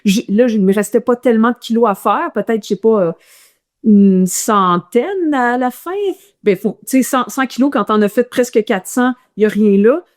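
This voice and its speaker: A woman with a Quebec French accent, a runner telling a guest's stories in a casual interview, animated and full of restarts. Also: a little high, normal speed.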